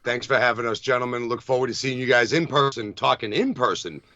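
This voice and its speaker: A man's voice: medium pitch, fairly quick, bright, forceful tone, lo-fi sound, slight background noise. A man from Massachusetts with a Boston accent, chatting casually as a podcast guest. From Massachusetts, USA. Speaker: podcast guest, wrestling referee. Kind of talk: casual chat.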